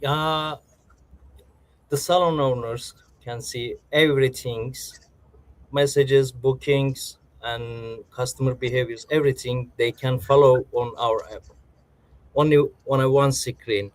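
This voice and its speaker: A man from Turkey speaks English as a second language with a clear Turkish accent. He answers a panel's questions on a remote call, eager and halting, stacking fillers and false starts. His pitch sits in the middle range for a man. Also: fairly even intonation, poor audio. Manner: halting non-native English, many restarts and fillers, eager. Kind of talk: live Q&A answers. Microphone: video call.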